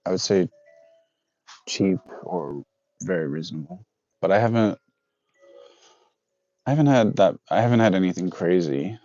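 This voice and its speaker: This man in his thirties has a low, darkish voice and rambles casually to livestream viewers, correcting himself and reading out chat. The sound is dull, lo-fi and dry, with no room sound.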